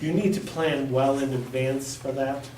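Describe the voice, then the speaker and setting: A man's voice: mid-range voice, fairly even intonation, measured pace, darkish tone, far from the mic. A man giving an informal training talk to a room of volunteers, blunt and joking, with emphatic asides. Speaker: workshop presenter. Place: community center meeting room. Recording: echoey room, picked up from afar.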